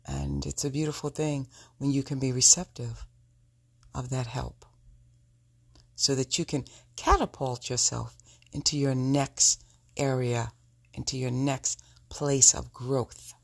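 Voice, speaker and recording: A woman with a sultry, husky voice, speaking intimately and reflectively to her listeners as a solo podcast host. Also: rumbling low, fairly even intonation, slow pace.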